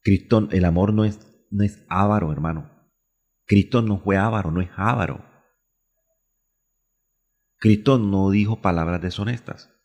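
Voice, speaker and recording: A man from Colombia delivers a radio sermon in a very low, husky voice. He asks questions aloud and answers them himself, repeating key phrases for emphasis. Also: measured pace, long pauses, a little mellow, in a large hall. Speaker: pastor.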